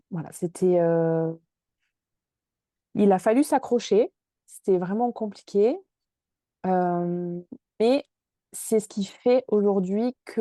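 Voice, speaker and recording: A woman in her twenties from Marseille, France, appears as a podcast guest in a casual interview, speaking hesitantly and with lots of fillers. Her voice is lowish and dark, with no room sound.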